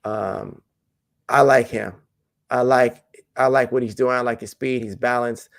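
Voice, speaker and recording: A man's voice: medium pitch, measured pace, creaky. A man, a track and field jumps coach, talking loosely in a podcast interview with many fillers and restarts. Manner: relaxed, rambling with fillers and restarts.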